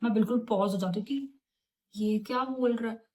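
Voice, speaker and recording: A woman's voice: fairly high pitch, brisk. Young woman telling a storytime vlog. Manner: animated, chatty retelling with English words mixed in. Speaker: vlogger.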